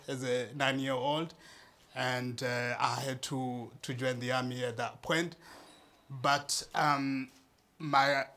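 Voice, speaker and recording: A man's voice: mid-range voice, bright, forceful tone. A man, giving an earnest speech to a live audience, laughing often and restarting his phrases. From Eastern Democratic Republic of Congo. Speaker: founder of a charity speaking at an event.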